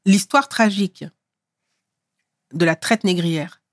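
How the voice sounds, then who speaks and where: Middle-aged woman from france, actress chatting in an interview, lively and emphatic, dry close sound. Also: fairly low pitch, slow, no echo. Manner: animated, emphatic storytelling. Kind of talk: casual interview talk.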